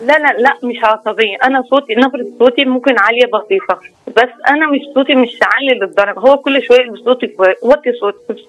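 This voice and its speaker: Rushed pleading Egyptian woman on a tinny phone line. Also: a little high. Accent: Egyptian Arabic. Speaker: caller. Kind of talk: phone-in call, emotional complaint.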